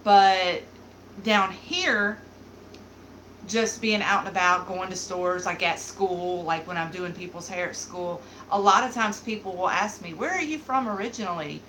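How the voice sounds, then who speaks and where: A woman in her thirties with a light Southern accent from the American South hosts a live beauty stream, rambling casually, using lots of fillers, and reading out comments. Her voice is on the low side, a little slow, and fairly bright. The recording is low quality with slight background noise.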